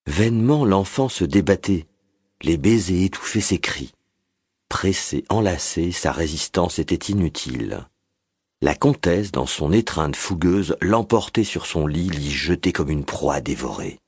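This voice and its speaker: Very deep, husky male narrator. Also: animated, a little mellow, dry recording, studio quality. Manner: measured, dramatic reading. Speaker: audiobook narrator. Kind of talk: scripted literary narration.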